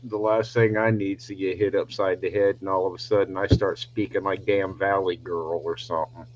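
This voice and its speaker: Low-voiced man on dull audio. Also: flat delivery, a little fast, slight background noise. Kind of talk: casual chat.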